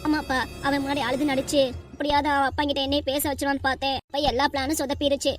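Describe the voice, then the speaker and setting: A woman's voice: high voice, level tone, fast, faint music behind, close to an everyday voice. A woman voicing Pushpa, a tearful young married woman in a cartoon, with a southern Tamil accent and a whiny, plaintive way of complaining. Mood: despairing. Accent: southern Tamil, Tirunelveli.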